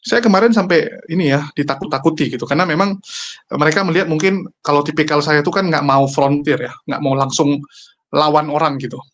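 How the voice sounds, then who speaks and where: High-voiced man, mocking commentary. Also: fast, a bit bright, slight background noise. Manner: mocking, argumentative. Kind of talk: casual commentary to viewers.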